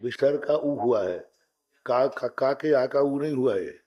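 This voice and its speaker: Slowly chanting rules and questioning his students, a man leads a step-by-step Sanskrit grammar class in a medium-pitched voice with a dark tone.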